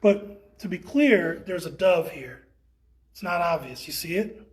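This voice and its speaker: A man guiding a live tour through an indoor art exhibit, talking in a relaxed, rambling way with many fillers. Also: sits high, unhurried. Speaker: tour guide. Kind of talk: casual guided gallery tour.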